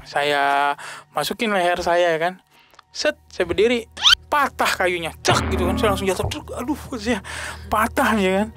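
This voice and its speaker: A young man giving an earnest, halting personal testimony as a podcast guest. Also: over music. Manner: earnest, halting, pitch rising when emotional.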